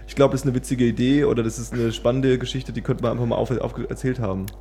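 A man hosts a laid-back interview, asking questions in a stop-and-start way and repeating words as he goes. His voice is mellow and warm, with a husky edge. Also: mid-range voice, steady tone, fast. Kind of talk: casual interview talk.

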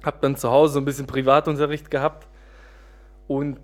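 A man from Germany, a guest author, talks in a casual, unhurried way. He pauses often, restarts sentences and fills gaps while searching for words. His voice sits at an ordinary middle pitch. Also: level tone, faint music behind. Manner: hesitant, many fillers and restarts. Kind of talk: casual interview talk.

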